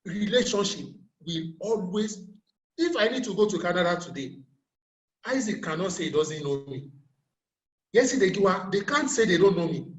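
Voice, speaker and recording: A man's voice: sits high, animated, moderate pace, echoey room, poor audio. A middle-aged Nigerian man giving a career talk, telling stories and asking his audience rhetorical questions. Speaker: motivational speaker.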